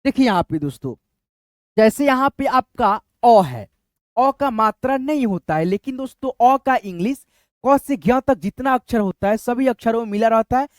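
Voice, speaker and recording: A man's voice: extremely high pitch, expressive, no room sound. Man teaching a spelling lesson. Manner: repeats "friends" often, drawn-out explanatory tone. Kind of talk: explanatory lesson.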